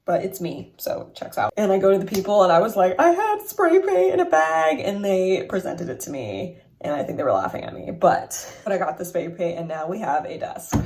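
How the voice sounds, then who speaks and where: A vlogger hosts her own casual vlog from her desk at home, chatting animatedly, telling stories, and laughing at her own jokes. Her voice is on the low side with a dark tone, and she talks a little fast with hardly any pauses.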